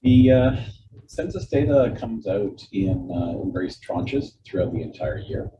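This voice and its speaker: Brief: deep-voiced male staffer dialed in remotely, sound muffled and tunnel-like, steady hiss behind him. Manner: measured, with frequent fillers and restarts. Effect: muffled remote line, sounds like in a tunnel. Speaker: municipal staff member. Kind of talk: formal council report. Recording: muffled lo-fi remote call with background noise.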